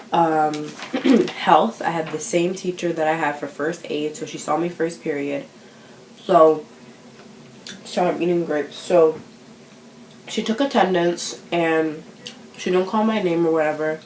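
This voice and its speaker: A woman's voice: sits low, fairly even intonation, a little slow, darkish tone, reverberant, a little hiss or hum, poor audio. A teenage girl chatting to the camera in a vlog, self-conscious and full of fillers. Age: teens. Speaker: vlogger. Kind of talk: casual chat.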